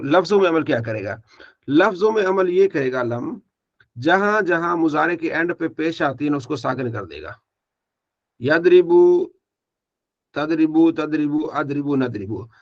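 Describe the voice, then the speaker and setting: Man teaching Arabic grammar, slightly high voice. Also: lo-fi sound. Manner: drills students by asking and answering his own questions, repeats forms. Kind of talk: online class lecture.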